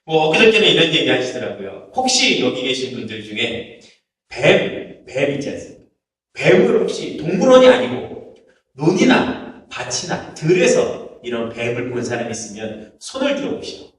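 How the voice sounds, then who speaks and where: Male pastor, lively storyteller, echoey church hall with the mic at some distance. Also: medium pitch, normal speed. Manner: storytelling, quotes people's curses in acted asides. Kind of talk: sermon. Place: church sanctuary.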